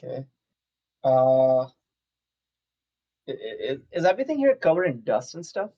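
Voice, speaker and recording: A tabletop game player improvising casually, narrating their own actions in a hesitant, gently coaxing way. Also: mid-range voice, big pitch swings, a little slow, highs cut off.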